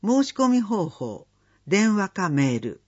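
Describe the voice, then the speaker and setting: Community listings reader: slow and deliberate, husky tone, muffled lo-fi recording. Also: medium pitch, big pitch swings. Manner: slow, measured listing of dates and phone numbers. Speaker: announcement reader. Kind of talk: reading community event listings. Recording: dull lo-fi recording.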